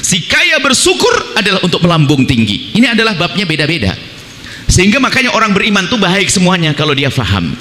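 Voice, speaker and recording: Male preacher, bright animated voice, conversational sermon that drops low for quoted prayers, long hall reverb. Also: brisk. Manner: lively, acts out imagined prayers in a lower voice.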